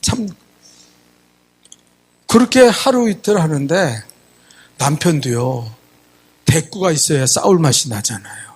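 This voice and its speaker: A man's voice: fairly high pitch, takes it slowly, pauses often, husky. A man pastor telling a story in a sermon, acting out the people in it. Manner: animated storytelling, acting out quoted voices. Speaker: senior pastor. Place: church sanctuary.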